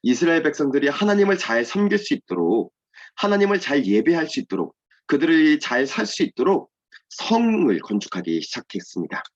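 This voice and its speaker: Male children's pastor, animated and clear, simple explanations, muffled lo-fi recording. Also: fairly high pitch, brisk. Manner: simple, explanatory, asks and answers own questions. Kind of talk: children's sermon. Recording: dull lo-fi sound.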